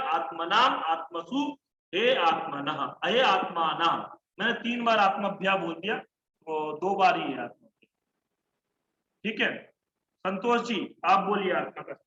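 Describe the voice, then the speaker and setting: A man's voice: high voice, bright, forceful tone, reverberant, lo-fi sound, slight background noise. A man teaching an online Sanskrit class, chanting word forms in rhythmic lists and correcting his students. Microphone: online class call mic.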